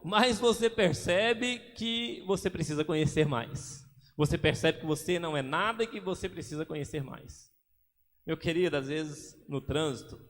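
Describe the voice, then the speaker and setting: A man preaching a sermon as pastor, acting out little everyday scenes as he goes. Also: on the high side. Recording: long hall reverb.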